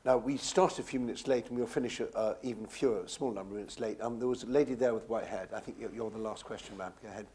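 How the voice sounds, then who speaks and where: A man's voice: on the low side, a little mellow. A man chairing a live book event in an auditorium, moving questions along and wrapping up with jovial remarks. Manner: brisk, jovial when wrapping up.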